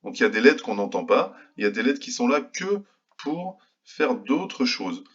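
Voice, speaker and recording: Over a muffled recording, a kindergarten teacher walks young kids through phonics from afar, patiently and slowly voicing each letter sound. His pitch sits in the middle but swings widely, with some breathiness.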